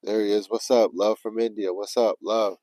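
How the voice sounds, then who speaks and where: A man's voice: fairly low pitch, moderate pace, no room sound, low-quality recording. A man telling a story casually on a livestream, swearing often and acting out his own panicked self-talk. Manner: animated, profane, retelling with quoted self-talk. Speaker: livestream vlogger.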